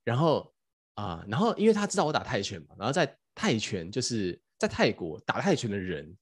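Animated man telling a story. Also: lowish voice, a little fast, slightly rough. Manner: animated, acts out quotes, stammers restarts. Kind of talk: casual storytelling chat.

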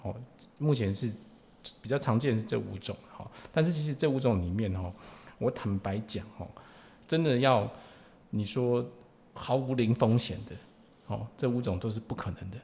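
A man's voice: mid-range voice, moderate pace, darkish tone. A man with a Taiwanese Mandarin accent explaining informally as an expert guest, punctuating phrases with particles and tag questions. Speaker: lawyer, podcast guest.

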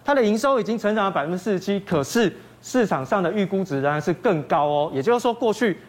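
His voice sits high and he talks fast and animatedly, a Taiwanese Mandarin-accented man acting as a guest financial analyst. He lays out his reasoning step by step, asking questions and supplying the answers.

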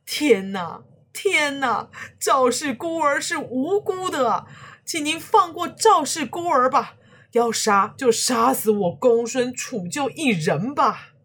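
A woman's voice: low-pitched, lively intonation, unhurried, breathy edge, heavily acted. A woman voicing an elderly, loyal male retainer in a storybook tale, crying out in raised, anguished pleas. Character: old loyal male retainer, desperate and defiant.

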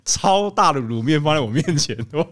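Man, thirties, casual podcast storytelling, laughs often, fairly high voice. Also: fast talker. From Taiwan. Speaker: podcast co-host, wedding photographer.

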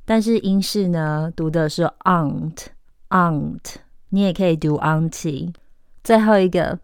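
A woman's voice: fairly low pitch, clean tone, no room sound, clean studio sound. A woman from Taiwan with a Taiwanese Mandarin accent, teaching English pronunciation and repeating each word carefully for drilling. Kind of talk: podcast pronunciation lesson.

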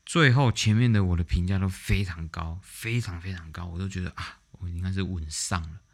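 A man hosting a vlog, telling stories in a casual monologue in a blunt, animated way with mild swearing. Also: low-pitched, a little fast. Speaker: vlog host.

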